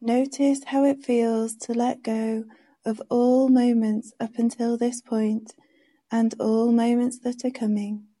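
Slow, soothing woman guiding meditation. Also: a little high, level tone. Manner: gentle, soothing, unhurried instructions. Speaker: meditation guide. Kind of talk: guided meditation.

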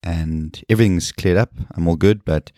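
A man in his thirties, hosting a solo podcast, speaking with a scratchy and hoarse voice in an earnest, explanatory way. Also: sits low, mellow, no echo, clean studio sound. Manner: earnest, explanatory, with fillers and pauses. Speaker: podcast host and personal trainer.

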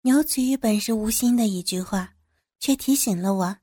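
A woman narrating a first-person adult audio story in a lively, sly, expressive way. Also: on the high side, moderate pace, breathy edge, no echo, clean studio sound.

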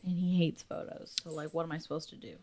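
A woman co-hosting a podcast, blunt and teasing, quick to object in casual chat. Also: deep voice, little pitch movement, warm tone, slight background noise. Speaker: podcast co-host.

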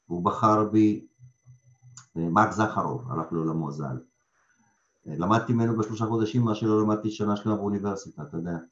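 A man being interviewed as a theatre director, telling stories conversationally and repeating phrases for emphasis. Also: fairly low pitch. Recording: echoey room, slightly dull sound.

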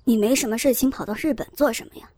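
A woman voicing an irritated young man, a fiancé speaking on the phone, brusque and hurried. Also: mid-range voice, expressive, a little mellow, slightly rough, voice pushed down. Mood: impatient.

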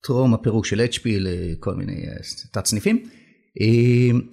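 A middle-aged man with an Israeli accent, a company country manager appearing as an interview guest, speaks in a conversational business interview. His fairly low voice is gravelly and dark, and he's emphatic, repeating phrases for weight.

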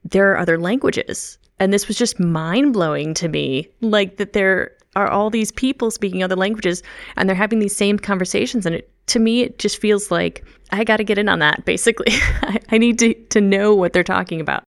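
A middle-aged woman from the Midwest United States chats casually in an interview as a language researcher, laughing often and restarting her sentences. Her mid-range voice is creaky and fairly quick.

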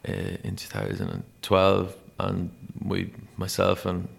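An Irish man in his thirties, a musician, telling stories in a rambling, animated way with lots of "like". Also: sits low, a little slow, gravelly. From Ireland. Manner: rambling, animated storyteller with many "like"s. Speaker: guest, musician. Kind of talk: casual storytelling interview.

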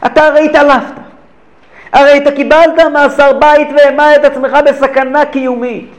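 A man's voice: extremely high pitch, level tone, lo-fi sound, pitched above the performer's own voice. A man putting on the voice of an elderly rabbi who questions his friend insistently. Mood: pleading. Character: elderly male rabbi, puzzled and gently insistent.

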